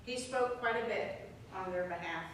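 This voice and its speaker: A woman telling her personal faith testimony as a guest speaker at a prayer group, earnest and storytelling, with emphatic pauses. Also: mid-range voice, a bit bright. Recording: echoey room, mic far off, faint noise.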